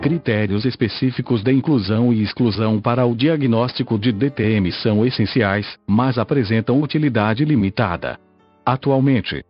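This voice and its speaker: A synthesized male text-to-speech voice with a Brazilian accent, like an old speech synthesizer, reading a scripted article as a podcast narrator. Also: medium pitch. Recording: dull lo-fi audio with faint music.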